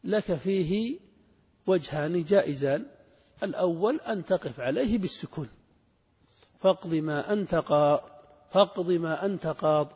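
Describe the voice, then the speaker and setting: A man's voice: on the high side, normal speed, long pauses, darkish tone, breathy edge. A man teaching Arabic grammar to a class, asking students questions and repeating their answers. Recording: muffled recording in a reverberant hall.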